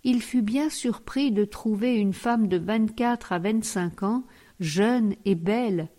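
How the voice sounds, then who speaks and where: A woman narrating a novel as an audiobook, in a measured, steady reading voice. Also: mid-range voice.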